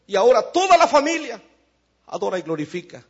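Male preacher, husky voice, high pitch, loud emphatic peaks, soft low asides, muffled recording. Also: big pitch swings, brisk. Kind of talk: sermon testimony.

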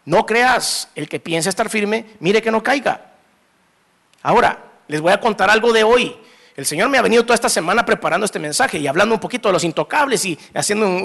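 Salvadoran man, preacher; high, gravelly voice, lively storytelling sermon delivery. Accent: Salvadoran Spanish. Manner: animated, acts out scenes, mixes humor into preaching.

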